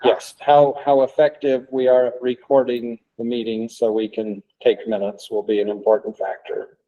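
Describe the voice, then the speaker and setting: A man chairing a public committee meeting, running through agenda items and inviting comments in a measured, procedural way. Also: mid-range voice, little pitch movement, narrow, tinny audio.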